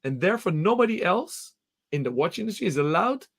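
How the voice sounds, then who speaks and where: Upbeat male interview host, higher voice. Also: big pitch swings, a little fast, creaky, breathy edge. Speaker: podcast host. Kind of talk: live interview.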